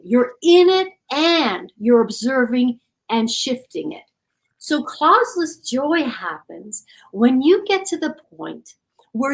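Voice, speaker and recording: A woman's voice: a little high, low-quality recording. A middle-aged woman, an author being interviewed, speaking in an earnest, reflective storytelling way. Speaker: author and guest. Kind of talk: interview conversation.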